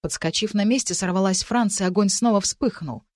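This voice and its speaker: A woman narrating a fantasy audiobook in a measured, even manner. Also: mid-range voice, no echo, clean studio sound. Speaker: audiobook reader. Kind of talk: scripted narration.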